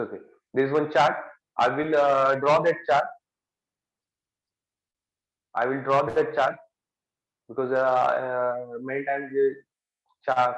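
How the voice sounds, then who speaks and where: A man's voice: mid-range voice, reverberant, lo-fi sound. A young man with a Marathi accent giving an exam-prep lecture, repeating key phrases and stressing words. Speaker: engineering lecturer.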